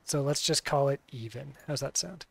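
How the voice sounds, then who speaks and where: Gravelly man streaming a game playfully. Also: mid-range voice, normal speed, crowd noise. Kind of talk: casual gaming commentary and playful role-play.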